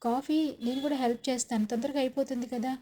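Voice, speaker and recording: A woman's voice: high voice, fairly even intonation, fast talker, mellow, a little hiss or hum, lightly acted. A woman voicing a brusque young man who orders others out of the room, in a spoken serial recap. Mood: earnest. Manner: scolding, abrupt. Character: young man, impatient and commanding.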